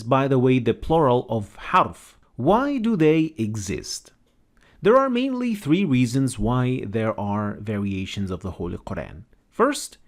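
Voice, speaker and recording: Male narrator, lively pitch, calm explainer read.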